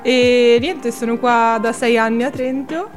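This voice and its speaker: A young woman from Veneto speaks as a radio guest in a fairly high voice. She chats casually with wry, joking asides, and music is clearly heard behind her. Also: a little slow. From Mestre, Veneto, Italy. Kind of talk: casual chat.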